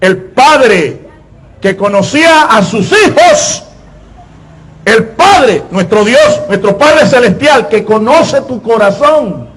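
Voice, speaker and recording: A man preaching a sermon in an emphatic style, repeating his phrases and often pausing on filler words. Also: very high voice, lively intonation, fairly bright tone, slightly rough.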